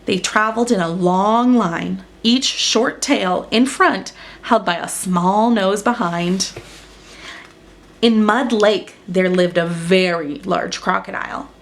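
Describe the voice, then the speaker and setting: At a slow pace and medium pitch, a woman narrates a children's picture book as a storyteller. She reads expressively, leaning dramatically on the action words.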